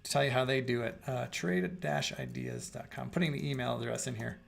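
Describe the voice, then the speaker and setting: A middle-aged man hosts a live trading room stream, answering viewer questions casually and rambling as he thinks aloud with fillers and restarts. His mid-range voice is gravelly and fairly quick. He is losing his voice a bit and clears his throat.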